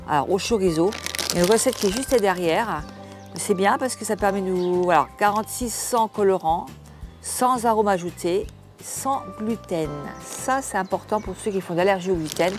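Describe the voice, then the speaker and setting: An older woman talks through a food box in a relaxed, homely way, pausing and restarting as she goes. Her voice sits at an ordinary middle pitch. Soft music plays faintly underneath. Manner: chatty, homely, halting with restarts. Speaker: cooking channel host. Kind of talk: casual unboxing chat to camera.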